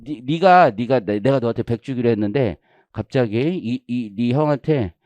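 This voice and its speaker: Man in his forties lecturing on tax law, lively swinging pitch, mellow dry voice, blunt and casual. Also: normal speed, no room sound. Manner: blunt and animated, slips into casual speech and swearing. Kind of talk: exam-prep lecture.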